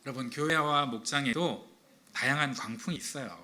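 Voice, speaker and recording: A man's voice: medium pitch, moderate pace, pushed and bright, a little hiss or hum. A man preaching a sermon to a congregation, playful and teasing, asking questions and cracking jokes. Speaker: pastor. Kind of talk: humorous sermon with audience interaction. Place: church sanctuary.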